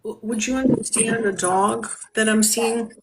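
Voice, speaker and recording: A woman giving a spirit reading to a caller on a live stream, talking gently with many fillers and soft laughs. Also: fairly high pitch, steady tone, unhurried, background noise.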